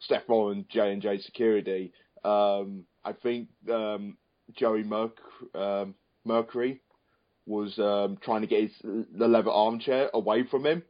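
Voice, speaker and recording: A man's voice: lowish voice, fairly even intonation, measured pace. A man co-hosting a casual wrestling chat, rambling and repeating phrases for emphasis. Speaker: podcast co-host. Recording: dull, lo-fi audio.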